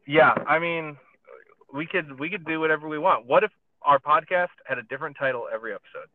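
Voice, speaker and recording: A man's voice: fairly high pitch, fast talker, no room sound. A man co-hosting a podcast from his parked car, chatting casually and rambling with lots of fillers and restarts. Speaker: podcast co-host. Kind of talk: casual chat. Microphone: phone over a podcast app. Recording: tinny phone-line sound.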